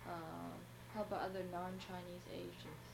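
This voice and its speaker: A woman interviewing an older man for an oral history project, calm and prompting with short acknowledgments. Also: lowish voice, moderate pace, creaky. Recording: noisy archival tape with background hiss.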